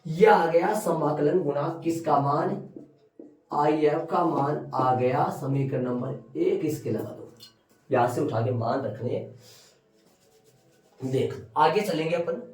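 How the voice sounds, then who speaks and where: High-voiced man teaching in an echoey classroom. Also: a little mellow, recorded from a distance. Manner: repeats steps slowly, quizzing students. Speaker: maths teacher. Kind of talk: classroom lesson at a board.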